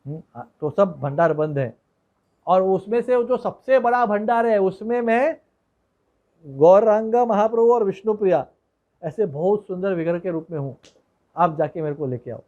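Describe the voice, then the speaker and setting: A man voicing a divine saint who calmly instructs a devotee in meditation. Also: high voice, moderate pace, highs cut off, close to an everyday voice. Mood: instructing. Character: divine male saint giving a calm command.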